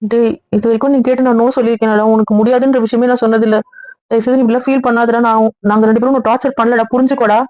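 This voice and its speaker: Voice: mid-range voice, little pitch movement, rapid-fire, no room sound, natural voice. A performer voicing a young brother who fumbles for excuses and pleads, in an amateur audio drama with a dull recording. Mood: pleading. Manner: flustered, pleading.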